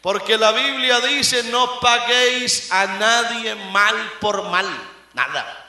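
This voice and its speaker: A man preaching a sermon as pastor, swinging between loud emphatic lines and hushed asides. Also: very high voice, takes it slowly. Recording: echoey room.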